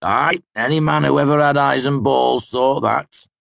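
A man doing a loud drunken mercenary brute. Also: medium pitch, fairly even intonation, unhurried, creaky, dry recording, pitched above the performer's own voice. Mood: bawdy jeering. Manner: loud, bawdy, guffawing. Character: big drunken boisterous male mercenary.

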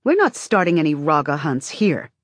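A woman voicing a stern, impatient woman in audiobook dialogue, sharp and firm like a teacher quieting a classroom. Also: sits low, very animated, normal speed, breathy edge, dry recording, clean studio sound, full character voice. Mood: sharp, commanding.

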